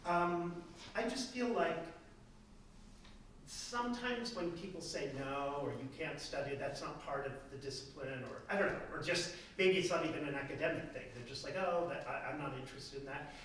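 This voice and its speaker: Fielding an audience comment, a male art history professor talks in a loose, chatty, self-interrupting way, often restarting sentences. His pitch is fairly high and his tone fairly bright, at a moderate pace. The echoey hall, distant mic placement and a little hiss or hum color the sound.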